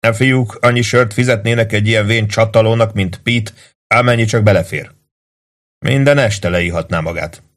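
A man voicing a calm, practical army sergeant who gives advice in a level, matter-of-fact way. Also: fairly low pitch, pitched above the performer's own voice, close to an everyday voice. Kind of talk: audiobook character voice.

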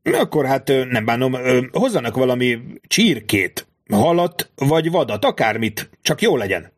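A man's voice: medium pitch, very animated, voice pushed up. A man voicing a fussy, ingratiating captive rich man who stammers and hesitates, in an audiobook. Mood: coaxing. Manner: hesitant, stammering with filler sounds. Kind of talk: audiobook character voice.

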